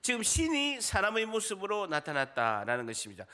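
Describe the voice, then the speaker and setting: A man's voice: high-pitched, brisk. A middle-aged man from Busan with a Gyeongsang accent, preaching a sermon as pastor, quizzing the congregation and joking. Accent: Gyeongsang dialect. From Busan, South Korea. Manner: animated, quizzes the congregation and jokes.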